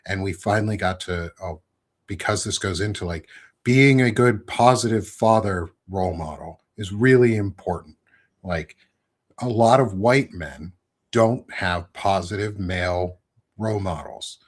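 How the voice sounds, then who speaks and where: Speaking at a measured pace in a low voice, a thirty-something podcast host runs a relaxed interview. His talk meanders, packed with fillers like "um," and he keeps going back to fix what he said.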